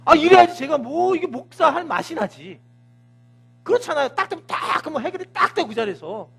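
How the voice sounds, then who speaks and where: A man preaching a sermon as pastor, telling the story with animated, acted-out scenes. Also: very high voice, creaky, breathy edge.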